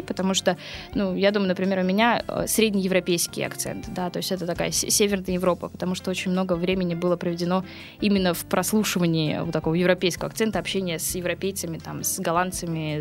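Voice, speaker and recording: A woman who teaches English and co-owns a school answers interview questions in a relaxed, chatty way. She laughs often, fills pauses with hesitation sounds, and has a fairly low pitch.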